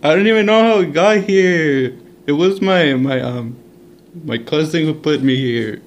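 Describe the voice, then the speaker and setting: Hosting a casual prank chat through a walkie-talkie app, a man talks a little slowly in a slightly high voice. He's joking and slangy, flipping between English and Spanish, captured in a noisy amateur home recording.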